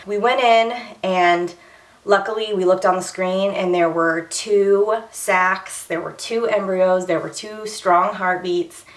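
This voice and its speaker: A young woman, chatting candidly in a personal vlog and a little short of breath. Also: fairly low pitch. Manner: candid and chatty, with many fillers and restarts. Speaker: vlogger. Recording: echoey room, voice a bit far from the mic.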